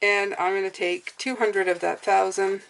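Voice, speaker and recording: A woman's voice: mid-range voice, flat delivery, normal speed, rough recording. A woman with a whistling s, talking casually through her budget as a hands-on vlogger. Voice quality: whistling s from clear aligners.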